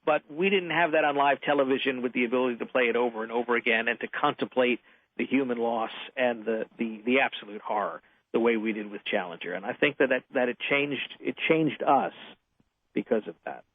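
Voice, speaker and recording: A man reporting on a radio show by phone, reflective and halting, with many restarts. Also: mid-range voice, dry recording. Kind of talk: radio call-in commentary. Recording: tinny phone line.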